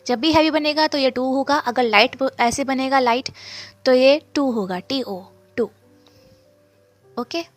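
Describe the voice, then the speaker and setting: A woman's voice: sits high, a little slow, pauses often, soft background music. A woman teaching shorthand step by step, repeating each sound and asking and answering her own questions. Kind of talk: step-by-step lesson explanation.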